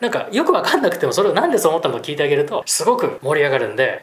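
A man who runs an English school, explaining travel phrases in a casual lesson and slowing down to model English examples. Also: on the high side. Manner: lively, drops into slow English demo phrases. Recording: roomy echo.

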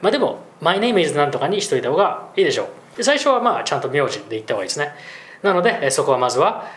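A man who runs an English school, chatting in a lively way as he explains business English and laughs often. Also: fairly high pitch, racing. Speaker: English school principal, guest teacher. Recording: roomy echo.

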